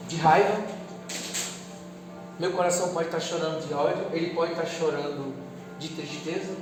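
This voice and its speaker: High-voiced preaching pastor, echoey hall. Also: male voice. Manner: emotional preaching, swinging from loud to hushed. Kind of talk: sermon. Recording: echoey church hall with music behind.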